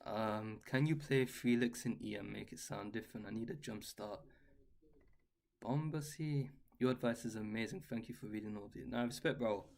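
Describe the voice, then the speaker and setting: A man giving a relaxed guitar lesson and answering viewers' questions, with a chatty, loose, slangy way of talking. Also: on the low side, moderate pace, vocal fry, a little hiss or hum. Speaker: guitar teacher. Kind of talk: casual live-stream Q&A. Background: his own guitar playing.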